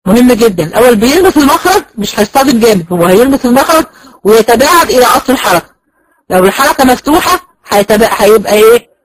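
Man with an egyptian accent, fast lecture, high voice, asks himself questions, dry close sound. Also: lively intonation, no room sound, poor audio. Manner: explains step by step, asks and answers own questions, sounds out letters. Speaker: Quran recitation teacher. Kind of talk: recorded lecture.

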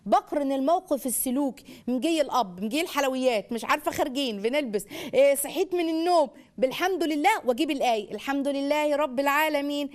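A woman with an Egyptian accent hosting a call-in parenting show, animated and sing-song as she models phrases for children. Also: sits high, fast talker. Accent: Egyptian Arabic. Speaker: parenting educator and radio show host. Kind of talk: call-in advice talk.

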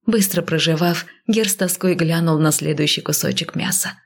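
Low, gravelly woman narrating an audiobook. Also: normal speed. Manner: hushed and soft, at times whispered. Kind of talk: first-person scripted narration.

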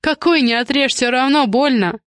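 A woman's voice: high-pitched, moderate pace, a bit bright, dry recording, clean studio sound, voice pushed up. A woman voicing a frantic middle-aged mother and manager, pleading and bewildered, near tears, in a raised voice.

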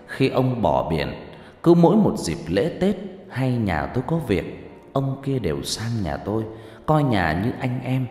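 A man narrating a dramatic first-person story. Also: fairly low pitch. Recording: roomy reverberant room, soft music.

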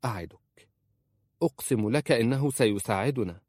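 A man's voice: mid-range voice, lively intonation, moderate pace, a little mellow, dry recording, studio quality, natural voice. A man voicing an earnest young wife who pleads with her uncle in a story reading. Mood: pleading.

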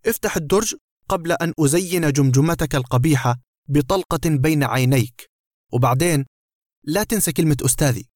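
A boastful burglar with a sarcastic, menacing edge, voiced by a man reading a story. The voice sits somewhat high and sounds close and dry. Every line drips with scorn. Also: fairly quick, darkish tone, dry recording, close to an everyday voice. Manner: mocking, threatening.

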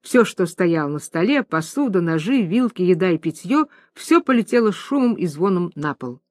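A woman reading a play aloud, giving the stage directions in an even, clear narrating voice. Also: fairly low pitch, moderate pace, no echo. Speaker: reader.

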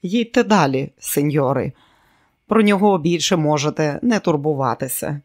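A stern male border guard, as an audiobook reader puts him on, curt and official. His orders come in a voice a touch high, clipped and firm. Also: normal speed. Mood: courteous.

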